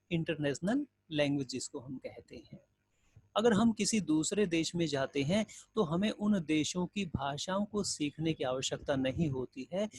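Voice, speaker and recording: A man's voice: a little high, husky, no room sound. A male Hindi teacher giving a recorded grammar lesson, explaining step by step with everyday examples and questions to students. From India.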